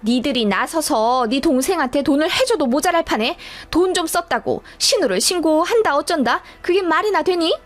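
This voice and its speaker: A woman voicing a cold, self-righteous older mother-in-law who scolds and accuses in a lowered voice.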